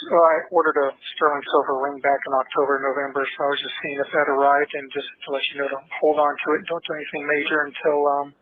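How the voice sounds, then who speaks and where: A man talking hesitantly on a prison phone call, pausing often with fillers. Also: on the high side. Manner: hesitant, halting, many fillers. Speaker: jail inmate calling his father. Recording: tinny prison phone line with crowd noise.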